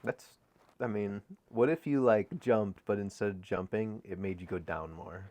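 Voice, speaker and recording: A man's voice: on the low side, normal speed. A man who is a guest on a stream, chatting casually, chuckling a lot and floating odd ideas. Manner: quiet, chuckling, offbeat ideas. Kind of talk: casual chat.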